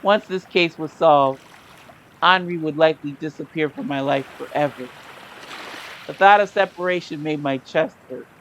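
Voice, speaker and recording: A woman's voice: deep voice, normal speed, slight background noise. A sleepy woman reading and commenting on a story game, with sassy, joking asides. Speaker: game streamer. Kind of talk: casual let's-play commentary.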